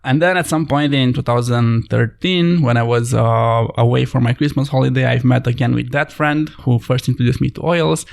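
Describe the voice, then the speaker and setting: A man's voice: medium pitch, steady tone, normal speed, creaky, hardly any pauses. A man from Romania, a podcast guest telling his story thoughtfully in slightly phrasing. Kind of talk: conversational podcast interview.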